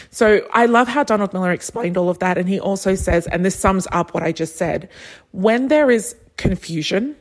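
Woman, 30s, business coach; slightly low voice, conversational, lively anecdotes. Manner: chatty, anecdotal, animated impressions. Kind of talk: solo business podcast talk.

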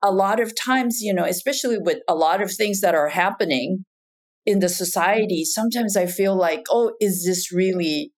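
A woman's voice: medium pitch, moderate pace. A woman from Japan speaking as a podcast guest, talking in a reflective way with frequent "you know" and "in terms of". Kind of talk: casual conversation.

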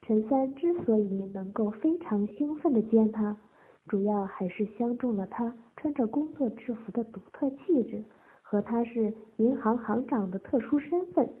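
Adult story narrator: woman, husky, somewhat high voice, tinny phone-like audio. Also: normal speed. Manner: steady reading narration.

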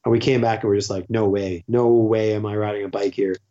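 A Canadian teacher in his forties, appearing as a podcast guest, tells stories in casual conversation, rambling and interrupting himself with frequent fillers and restarts. His voice is fairly low, dark, and mellow with a steady tone, he talks fast, and the recording sounds slightly muffled.

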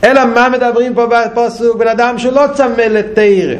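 A man teaching a Torah class, asking questions and repeating phrases, moving between a raised, urgent delivery and a low, quiet one. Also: steady tone.

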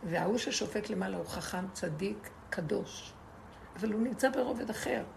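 Speaking to a group with slight background noise, a woman who teaches Torah delivers a passionate spiritual lesson. Her mid-range voice is gravelly and a little mellow, and she leans on rhetorical questions and repeated words for emphasis.

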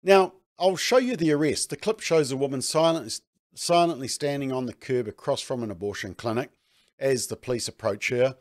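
A man's voice: mid-range voice, normal speed. A man hosting a news commentary segment, speaking with a sarcastic edge. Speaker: host.

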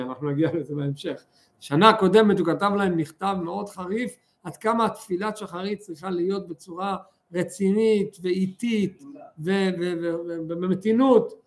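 Male Torah teacher, higher voice, animated and fervent, leans hard on key words. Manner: animated, fervent, drawn-out emphasis. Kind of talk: religious lesson with storytelling.

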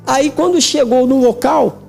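Male interview guest, testimony of a vision; gravelly, mellow, emotional, repetitive phrasing. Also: very high-pitched, a little slow, soft background music.

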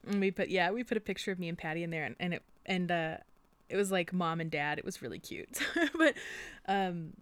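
A woman's voice: on the low side, expressive, brisk, clear, resonant tone, no room sound. A young woman co-hosting a podcast, chatting casually and getting emotional, with frequent laughter. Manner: gushing, emotional, laughs often. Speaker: podcast co-host. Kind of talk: casual chat.

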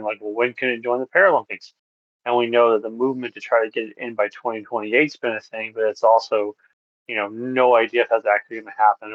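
A man's voice: medium pitch, fairly bright tone, no room sound, dull audio. A man co-hosting a podcast in casual chat, talking in a rambling way with many fillers and restarts. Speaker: podcast co-host.

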